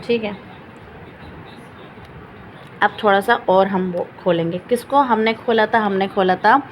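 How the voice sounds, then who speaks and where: A woman teaching Quran recitation rules step by step, patiently repeating each example slowly and asking questions she then answers. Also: mid-range voice, steady tone, a little hiss or hum, low-quality recording. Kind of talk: step-by-step Quran reading lesson.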